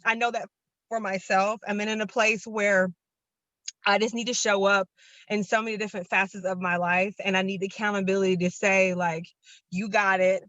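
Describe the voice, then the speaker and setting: A woman's voice: mid-range voice, a bit bright, dry recording. A young woman is slightly out of breath as she talks on a video call, earnest and enthusiastic and a little long-winded. The call audio sounds dull and lo-fi, dry with no room around it. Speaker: program participant. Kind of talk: casual testimonial on a video call.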